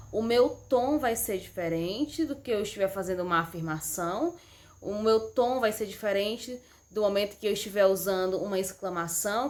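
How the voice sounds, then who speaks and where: Woman teacher, mid-pitched, patient voice-over walking students through slides. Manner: patient, explanatory, with frequent "né?" and "certo?" checks. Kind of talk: slide lesson on punctuation.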